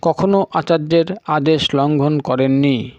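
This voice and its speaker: A male storyteller giving a scripted narration of a scripture story in a steady, solemn way. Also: a little high, a little slow, dry recording. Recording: dull lo-fi recording.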